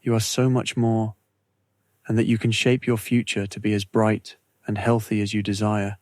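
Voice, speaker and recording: Steady and very flat in pitch, a man with a fairly low voice leads listeners through a scripted meditation. Each phrase is laid out with care, followed by restful pauses, and the close recording is completely dry.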